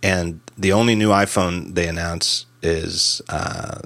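A man hosting a casual tech podcast, animated and quick to laugh as he spins out hypotheticals. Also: deep voice, gravelly, no room sound. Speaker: podcast host.

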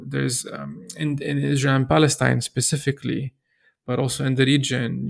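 A middle-aged man from Lebanon, answering an interviewer in an earnest, measured way with frequent restarts. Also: mid-range voice, gravelly. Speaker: interview guest.

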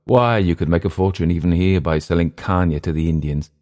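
A male narrator voices a world-weary jungle settler in audiobook character dialogue, his voice low, natural, and darkish. Brisk and domineering, he mocks others, pressing on his words with scornful, teasing weight, like something from an adventure story.

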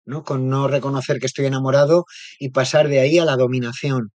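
A man's voice: medium pitch, little pitch movement, a little fast, a little mellow, no room sound. A man, a therapist being interviewed, explaining ideas thoughtfully and often checking in with little tag questions. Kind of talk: reflective interview talk.

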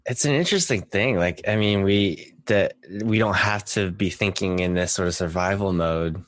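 A man hosting a podcast interview, asking questions haltingly while searching for his words. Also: low-pitched, fairly bright tone, no room sound. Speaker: podcast host.

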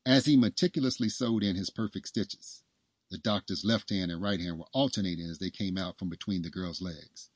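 A man hosting and narrating a scripted story in a measured storytelling manner. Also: low-pitched, breathy edge, dry recording. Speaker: host and narrator.

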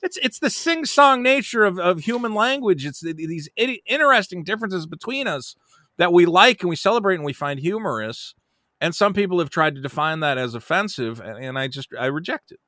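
A young adult man, a comedian, talking as a guest in a loose, animated, jokey way. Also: fairly high pitch, dry recording, clean studio sound. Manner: animated, jokey, quick to slip into goofy voices. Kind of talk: casual conversation.

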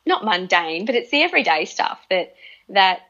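An Australian woman in her thirties speaks conversationally in an interview. Her voice sits at a middle pitch, and she often doubles back, repeating words as she finds her phrasing. The recording is a little dull and lo-fi. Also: sing-song, moderate pace, fairly bright tone. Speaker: interview guest, parent. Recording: slightly dull, lo-fi audio.

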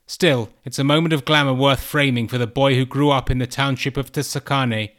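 A man hosting his own podcast, reading a scripted narration in a measured, read-aloud way. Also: medium pitch, fairly even intonation, fairly bright tone. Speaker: podcast host.

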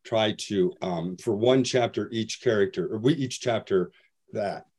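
A man's voice: on the low side, unhurried, darkish tone. Rambling man, guest author on a panel. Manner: rambling, many restarts and "you know". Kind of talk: casual panel chat.

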